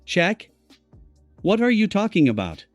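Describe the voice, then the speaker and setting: A man's voice: fairly high pitch, very animated, brisk, dry recording, soft background music. A man voicing a friendly, curious young girl in an audiobook reading. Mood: chatty.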